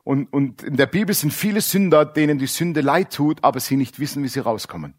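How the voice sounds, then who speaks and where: Blunt, animated male preacher. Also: on the high side, fairly quick. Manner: blunt, animated, acts out quoted characters, drops to quiet asides. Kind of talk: sermon.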